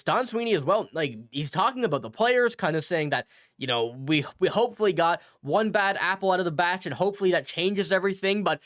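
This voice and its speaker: Fairly high and fairly bright, this man's voice sounds stuffy and nasal from a cold. He hosts a hockey news channel, rambling casually through his commentary, correcting himself and reading quotes aloud.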